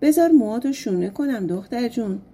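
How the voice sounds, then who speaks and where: A woman voicing a scheming bald peasant girl who coaxes and makes excuses in a smooth, sweet-talking way. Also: a little high, animated, warm tone, slight background noise. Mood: coaxing. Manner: coaxing, smooth-tongued.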